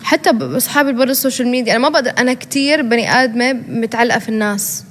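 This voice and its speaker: A young woman with a Jordanian accent chats as an interview guest, rattling along at a very fast clip with fillers and self-corrections. Her voice sits a little high, and a long hall reverb trails behind her words. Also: a little hiss or hum. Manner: fast, chatty, lots of fillers and restarts. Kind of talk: casual interview chat.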